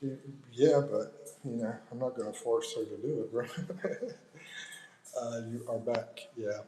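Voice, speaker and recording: Middle-aged American guy, livestream host, slow and easygoing, chatty "bro" manner while reading comments. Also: medium pitch, warm tone, a little hiss or hum, rough recording. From United States. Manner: chatty, loose, calls viewers "bro". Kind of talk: casual live chat reading viewer comments.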